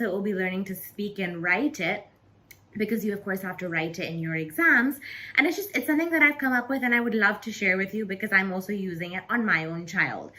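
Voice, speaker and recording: A woman's voice: medium pitch, pushed and bright. A woman in her thirties hosting a casual to-camera tutorial, chatting directly to her viewers. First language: English. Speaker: channel host teaching English.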